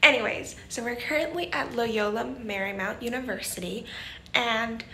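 Teen girl vlogger, morning voice, chatty and rushed, slightly high, roomy echo. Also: creaky, bright, forceful tone, slight background noise. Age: teens. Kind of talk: casual vlog narration.

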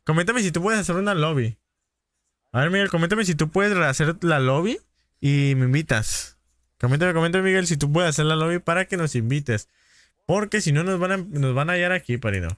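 A man's voice: fairly high pitch, fairly bright tone, dry recording. Mexican man hosting a gaming stream. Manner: chummy, calls viewers "padrino", rapid greetings. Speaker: gaming livestream host. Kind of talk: casual live-stream chat.

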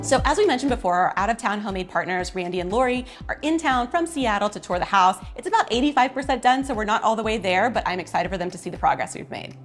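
A woman's voice: mid-range voice, expressive, faint music behind. A woman in her thirties co-hosting a house-flip walkthrough, upbeat and chatty, on a lapel mic indoors. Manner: upbeat, quick-talking. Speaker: house flipper host. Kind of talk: casual walkthrough chat. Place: house under renovation, indoors.

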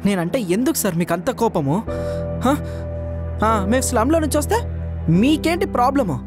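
A man's voice: very high-pitched, lively intonation, moderate pace. An actor playing a young male student who pleads his innocence to the principal. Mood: pleading. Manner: pleading, then defiant. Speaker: college student accused. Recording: music score behind.

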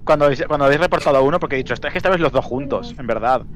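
Fast-talking joking gamer man. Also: medium pitch. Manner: quick, joking, retells his own thoughts. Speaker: player in group game. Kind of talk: casual group chat over a game.

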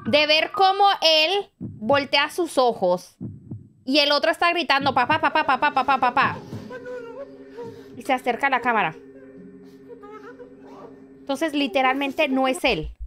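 Young woman, high voice, animated chatty reaction host, jumpy exclamations, faint music behind. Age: 20s. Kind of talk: casual reaction commentary.

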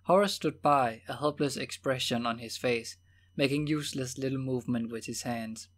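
A man narrating a novel as an audiobook in a steady, measured reading voice. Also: medium pitch. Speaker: audiobook reader.

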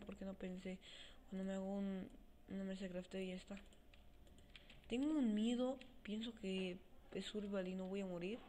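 A man talks his way through a video game, jumpy and quick to curse, muttering to himself between outbursts. He is recorded at home on a cheap desk mic with no stand, so his voice sits a little low in the mix. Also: gravelly, a little hiss or hum. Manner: excitable, swears often, talks to himself while playing. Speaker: gaming channel host. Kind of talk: let's play gameplay commentary. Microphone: cheap desk mic without a stand, voice comes out quiet.

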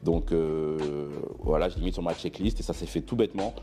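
A man in his thirties with Benin roots, giving a relaxed guest interview in a studio, hesitant with many fillers and restarts. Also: rumbling low, moderate pace. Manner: gestures broadly while seated. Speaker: brand founder, guest. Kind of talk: casual interview talk. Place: studio room with clothing racks, indoors.

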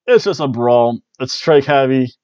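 In a small home room, a man in his forties loosely recaps wrestling shows for a casual review chat, cracking jokes and throwing in playful exclamations. His mid-range, somewhat dark voice is animated but unhurried. The headset mic on a webcam call yields dry, dull, lo-fi audio.

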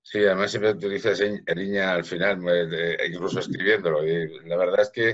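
A very deep-voiced man hosts an interview in a friendly, flattering manner. His voice comes through dull and lo-fi. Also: brisk. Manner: friendly, complimentary. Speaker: radio and TV host. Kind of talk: interview hosting. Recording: dull lo-fi sound.

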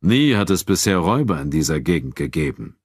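A man reading a spoken storybook voices a cold, composed male official, pitched higher than his own very deep narration but kept controlled and level. The delivery is calm, measured and quietly firm, and heavily acted. The sound is dry and close, with no room sound at all.

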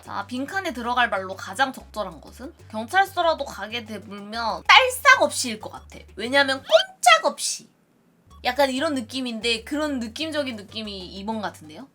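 Bright, lively Gyeongsang woman thinking aloud. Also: on the high side, moderate pace, over music. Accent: Gyeongsang Korean. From Gyeongsang region. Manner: thinks aloud, guesses playfully. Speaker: streamer taking a dialect quiz. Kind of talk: casual quiz commentary.

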